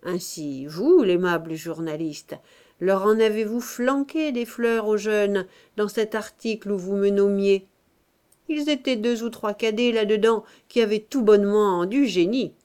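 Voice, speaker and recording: A woman's voice: mid-range voice, slow, darkish tone. Woman reading as a tormented aging master painter. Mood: grumbling. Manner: pleading, tormented outbursts. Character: anguished aging master painter, burly man, self-doubting. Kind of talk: audiobook character voice.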